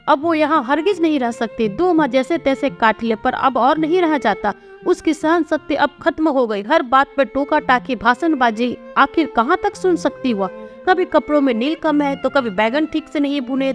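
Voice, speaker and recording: A woman narrating a family story in a steady, expressive reading voice. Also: high-pitched.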